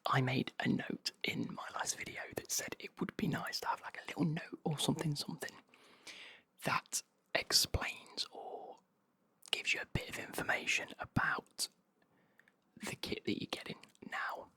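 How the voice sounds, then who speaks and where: Male ASMR host, breathy whisper with fry, rambling casual unboxing chat. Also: a little high, normal speed, bright, forceful tone. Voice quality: breathy whisper with creaky edges.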